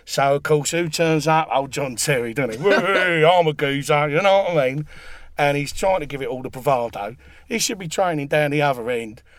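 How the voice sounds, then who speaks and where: Rowdy man, higher voice. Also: fairly quick, no echo, studio quality. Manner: rowdy, swears freely, jokey banter. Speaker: football fan pundit. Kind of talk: casual chat.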